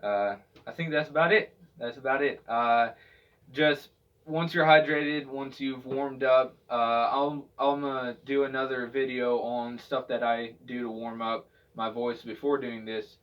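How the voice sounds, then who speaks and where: In a steady, mid-range voice at a measured pace, a man instructing on vocal technique gives a laid-back tutorial. His speech is hesitant and rambling, circling back repeatedly. The recording sounds dull and distant.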